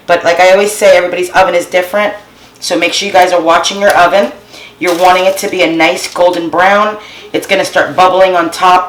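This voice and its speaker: A woman's voice: fairly low pitch, roomy sound, rough recording. Chatty woman hosting a home cooking video. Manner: chatty, keeps addressing viewers as guys. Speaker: cooking channel host. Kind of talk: casual cooking tutorial. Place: home kitchen.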